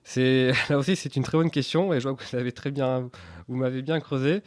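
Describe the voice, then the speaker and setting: A man's voice: mid-range voice, steady tone, fairly quick, no echo, clean studio sound. A man, giving candid interview answers earnestly and hesitantly, often repeating words mid-sentence. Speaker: interview guest, entrepreneur.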